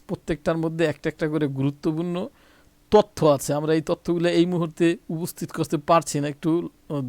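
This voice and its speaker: Explaining English grammar to his viewers, this man speaks with a Bangladeshi Bengali accent in a fairly high but darkish voice. The recording is dry, and his delivery is repetitive, direct to the audience, and punctuated by self-corrections.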